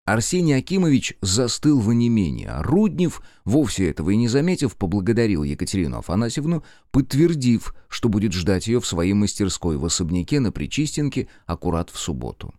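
A man narrating an audiobook with expressive storytelling. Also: on the low side, brisk, few pauses, no room sound, studio quality.

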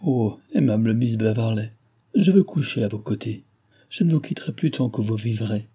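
A man's voice: on the low side, lively intonation, moderate pace, mellow, breathy edge. A man voicing a distraught young woman who pleads and sobs at a sick friend's bedside. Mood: anguished. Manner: pleading, sobbing, exclamatory.

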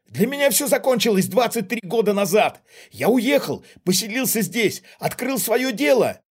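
Brief: male reader doing a desperate father, raised pitched yelling, husky voice. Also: expressive, normal speed. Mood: shouting. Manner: loud, shouting, defiant. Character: cornered frightened angry father, middle-aged man.

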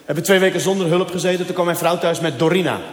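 Male stand-up comic, chatty storytelling, slightly high voice; long hall reverb, faint noise. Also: fairly even intonation, fast. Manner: casual storytelling with asides to the audience. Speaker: stand-up comedian. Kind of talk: stand-up comedy routine.

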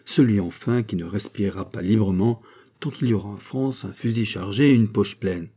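A man voicing a calm, lecturing male doctor in an audiobook, with rhetorical, insistent phrasing. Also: lowish voice, normal speed, husky. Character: male doctor, calm persuasive political thinker. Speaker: character in an audiobook.

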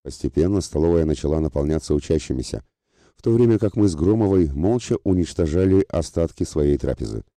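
Guy reading an audiobook, real low dark voice, steady, dry close sound. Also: a little fast, no room sound. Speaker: narrator. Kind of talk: first-person audiobook narration.

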